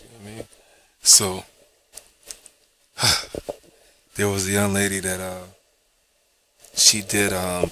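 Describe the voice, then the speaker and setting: A man's voice: sits low, pushed and bright, a little hiss or hum. A man vlogging in a casual, rambling monologue, cursing often and checking in with "you know what I mean".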